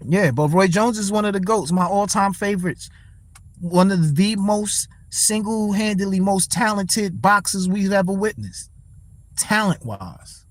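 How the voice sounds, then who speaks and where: A man's voice: high-pitched, measured pace, no room sound. A young man hosting a casual boxing talk livestream, speaking, blunt and profane as he answers his chat. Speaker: livestream host.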